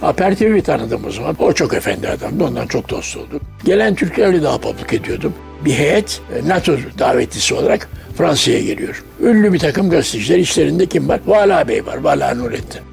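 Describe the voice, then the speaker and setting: An elderly man in his nineties, from Turkey, speaks in a documentary interview. His voice sits high for a man and carries a gravelly fry as he acts out the dialogue of the people in his stories. Soft music plays faintly behind him. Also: very animated, brisk, few pauses. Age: 90s. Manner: anecdotal storyteller who acts out quoted dialogue. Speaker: interviewee recalling his life.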